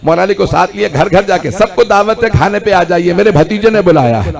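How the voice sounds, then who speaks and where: Man, preacher, high voice, gravelly, shouted climaxes, crowd audible. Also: animated, brisk. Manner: rises to shouted climaxes, pleads with the gathering. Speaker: Shia cleric giving a majlis sermon. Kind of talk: sermon. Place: large hall before a crowd.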